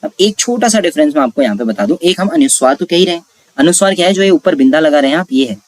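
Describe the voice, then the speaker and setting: A man's voice: on the high side, animated, fast talker, dry recording. A man teaching a Hindi grammar lesson for exam preparation, explaining step by step and asking and answering his own questions. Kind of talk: exam-prep classroom lesson.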